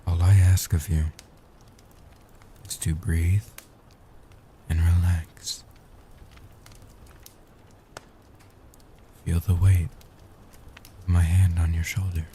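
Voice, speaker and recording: In a comfort audio roleplay, a man voices a gentle, protective, ancient vampire guardian, his voice very low, extremely dark, hushed and soft. He speaks slowly, solemnly and soothingly in formal phrasing with little pitch movement, the mood tender, over faint background noise.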